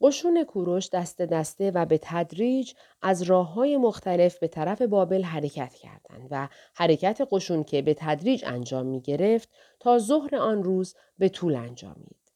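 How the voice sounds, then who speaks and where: A woman narrating an audiobook of a historical novel in a steady, measured reading. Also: lowish voice.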